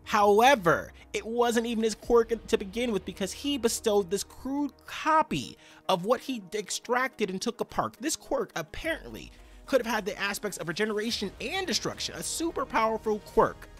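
Guy doing a casual manga review, kinda high voice, bouncing all over, chatty, says y'all a lot. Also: moderate pace, soft background music. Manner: animated and chatty, addresses viewers as y'all. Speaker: manga review channel host.

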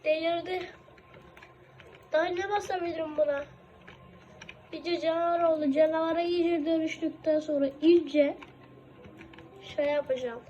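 A woman chatting excitedly to herself as she plays a computer game, narrating her moves and reacting out loud. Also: extremely high pitch, normal speed, long pauses. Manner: chatty, excitable, talking to herself while playing. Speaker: gaming video creator. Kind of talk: casual gameplay commentary. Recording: dull lo-fi with faint noise.

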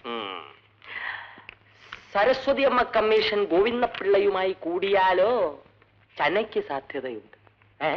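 An actor playing a fussy, unmarried male barrister who mutters and exclaims while reading aloud. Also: sits high. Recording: dull old film soundtrack.

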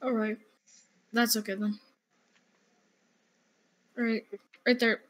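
A man's voice: very high-pitched, level tone, slow pace, a bit bright. A guest gamer casually chatting during a match, often complaining about his aim. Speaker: gaming youtuber, guest. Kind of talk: casual gameplay chat.

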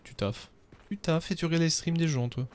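A man's voice: a little high, brisk, darkish tone. A man streaming a game, chatting casually with viewers and cracking self-mocking jokes. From France. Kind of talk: casual gameplay commentary.

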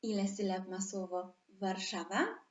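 A preschool teacher gives an online lesson to young children, drawing out words slowly so they can repeat them. Her voice is medium-pitched with fairly even intonation, and the recording is muffled and echoey.

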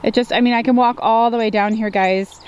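A flower farmer in her thirties from upstate New York walks her open farm field with a handheld camera, chatting upbeat to viewers in a casual farm tour vlog. Her voice is a little high and darkish, steady in tone and a little fast. The highs are cut off, with a little hiss or hum.

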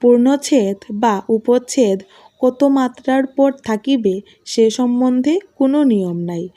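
A woman teacher reading out exam study notes as slow, measured dictation of points. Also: a little high, warm tone.

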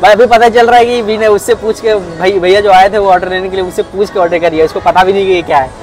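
A man's voice: high-pitched, fairly even intonation, fast, soft background music, rough recording. A young Indian man hosting a casual food vlog on an outdoor rooftop through a clip-on lapel mic, saying "theek hai" after nearly every sentence. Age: young adult. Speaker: food vlogger.

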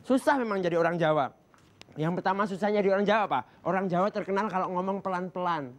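A man from Java doing a stand-up routine on a comedy stage, acting out shouts and slow, soft talk. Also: high-pitched. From Java, Indonesia.

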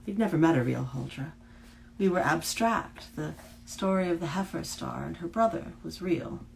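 A woman reading the part of a fierce, bitter young Huldra woman, often dropping to a hush. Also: low-pitched, gravelly, slight background noise, heavily acted.

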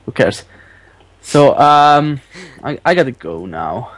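Lively, easygoing male gamer. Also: mid-range voice, takes it slowly, rough recording. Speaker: fellow player. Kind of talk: casual multiplayer gaming chat.

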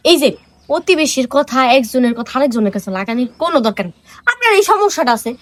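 A woman's voice: high-pitched, very animated, dry recording. A woman playing a sly young daughter-in-law. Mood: scheming. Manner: quick, sly, placating. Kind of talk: comedy skit acting.

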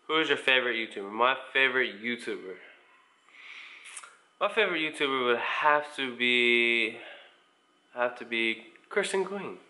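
Sitting in a small living room at home, a roughly twenty-year-old American, largely from Indiana, casually responds to viewer questions on camera. His medium-pitched voice is bright and forceful with lively intonation, normal pace and long pauses.

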